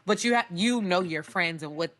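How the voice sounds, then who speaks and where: Young gal cohosting a podcast, rambles, says like a lot, laughs alot. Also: female voice, fairly low pitch, moderate pace, a bit bright. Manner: rambling, lots of "like", laughs often. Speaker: podcast co-host. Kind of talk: casual chat.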